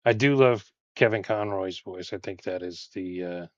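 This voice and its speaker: A man's voice: sits low, normal speed, no echo, lo-fi sound. A man with a Texan accent chatting casually on a live stream while building Lego, rambling with lots of fillers. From Texas. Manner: relaxed, rambling with many fillers.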